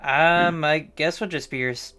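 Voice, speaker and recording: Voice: mid-range voice, normal speed, pushed and bright, soft background music. A streamer hosting a live stream, chatting casually in a musing, rambling way with frequent restarts. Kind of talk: casual chat.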